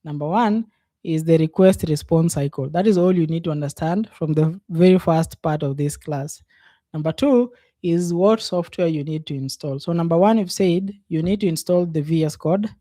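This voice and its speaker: A man walks learners through a coding lesson in a warm, mellow voice. He talks it through at an easy pace, pausing on fillers as he works. The sound is close and dry, with no room around it. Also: fairly high pitch, dry recording. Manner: unhurried, thinks aloud with many fillers. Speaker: programming instructor. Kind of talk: casual screen-share coding lesson.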